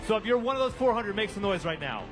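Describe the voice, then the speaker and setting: A man hosting a live prize drawing as a booming announcer, rallying the crowd. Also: very animated, fast. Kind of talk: live event hype announcing. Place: large event venue with live audience. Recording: long hall reverb, music behind.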